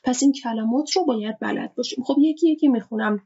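A woman teacher giving a vocabulary lesson, explaining words slowly and repeating each one with its meaning. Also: on the high side, warm tone, husky. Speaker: English teacher. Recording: dull lo-fi recording.

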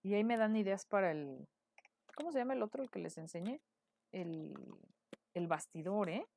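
A woman's voice: mid-range voice, expressive, moderate pace, gravelly, a little mellow. Chatty Mexican woman teaching painting. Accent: Mexican Spanish. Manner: chatty, asks viewers questions often. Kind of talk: live painting tutorial.

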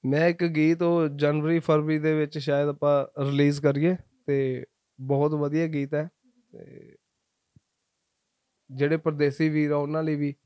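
A man's voice: a little high, level tone, a little slow, a little mellow, clean tone, no echo, studio quality. A Punjabi-accented man, a singer, giving earnest advice in an interview, with sung passages between his answers.

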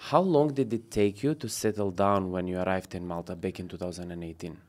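A man in his thirties hosting a casual podcast interview, upbeat and quick to laugh, with small grammar slips, recorded on a desk boom mic in a studio. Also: steady tone. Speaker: podcast host. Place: studio set with blue walls and a wooden table. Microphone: desk podcast mic on boom arm.

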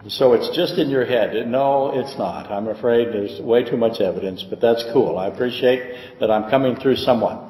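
Speaking at a normal speed with few pauses, this older pastor has a mid-range, dark voice and a lisp. In the church hall, where long reverb echoes around him, he delivers a relaxed, self-deprecating Bible talk full of jokes and reads letters out loud.

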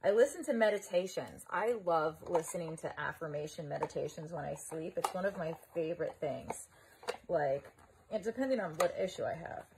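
A woman vlogging live at home, chatting casually and thinking out loud as she unboxes a gadget. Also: sits low, expressive, normal speed, heavy background noise. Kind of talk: casual live-stream chat.

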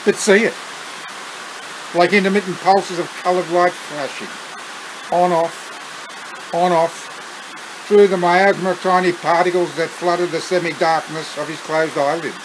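A man with an Australian accent reading his own story aloud, unhurried, breaking off for chuckling asides. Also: high-pitched, steady tone, background noise.

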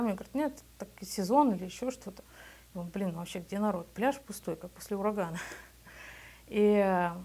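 A Belarusian business owner in her thirties tells her story in a documentary interview in a small office, speaking into a lapel mic. Her mid-range voice is slightly mellow with vocal fry, and her manner is matter-of-fact and conversational.

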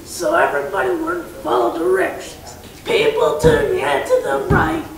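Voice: very high-pitched, moderate pace, creaky. A performer voicing a cheeky, rebellious young lion who mocks his teacher and talks back. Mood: chatty. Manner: defiant, mocking, chatty. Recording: very echoey room, mic far off, faint hiss.

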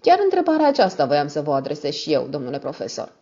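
Shrewd male detective read by a woman: courteous and measured, low-pitched. Lo-fi audiobook sound. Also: wildly swooping pitch, dark tone, heavily acted. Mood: polite.

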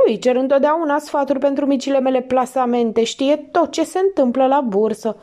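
A woman reading an audiobook voices a chatty, fussy middle-aged female country innkeeper, talking high and excitedly. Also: close to an everyday voice.

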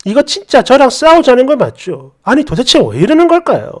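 A woman narrating a reader's story in a lively, indignant storytelling manner. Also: high voice, brisk.

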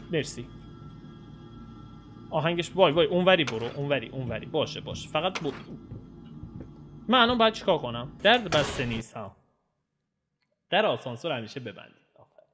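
A young man hosting a horror game let's play, excitable and swearing as he talks to his viewers. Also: fairly high pitch. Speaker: gaming channel host.

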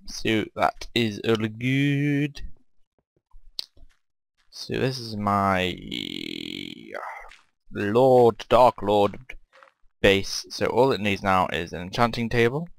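A man's voice: lowish voice, slow, a bit bright, dry recording. A man casually commenting as he plays and builds in a game, rambling and thinking aloud as he asks himself questions. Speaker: game player and channel host. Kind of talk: casual let's-play commentary.

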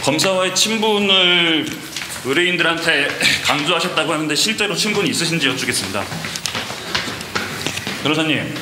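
A man's voice: fairly high pitch, expressive, fast. A man working as a reporter, pressing someone with polite but persistent questions on location. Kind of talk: doorstep interview. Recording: echoey field recording with noise.

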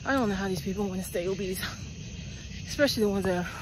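Walking outdoors at night, a woman in her forties vlogs into a phone held at arm's length, using earbuds. She speaks bluntly and rambles in rapid-fire fashion, her medium-pitched voice set against a noisy background.

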